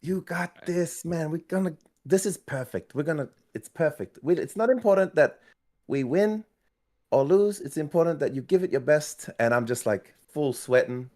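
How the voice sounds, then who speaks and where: A man chatting casually as a tabletop player, improvising in halting, repeated phrases. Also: on the high side, lively intonation, darkish tone. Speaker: tabletop role-playing player. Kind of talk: casual improvised role-play chat.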